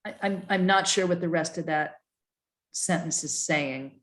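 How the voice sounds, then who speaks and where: A woman with a notably low voice works through planning regulations in a meeting, reading clauses aloud and stopping to puzzle over them. She hesitates, restarts and fills pauses, and comes through a video call. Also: fairly bright tone. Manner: thoughtful and hesitant, many fillers and restarts. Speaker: town planning staff leading a commission review.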